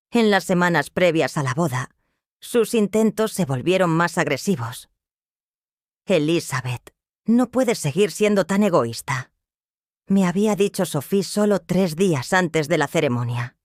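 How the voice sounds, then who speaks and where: A woman narrating a dramatic first-person story in a measured, serious way. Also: sits low, darkish tone, no room sound, clean studio sound.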